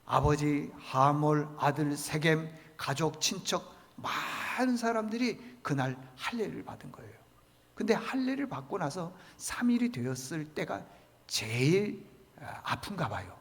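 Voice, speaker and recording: A man's voice: fairly high pitch, lively intonation, a little slow, big-room sound. A male pastor preaching a sermon emphatically, asking rhetorical questions and repeating key words. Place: church sanctuary.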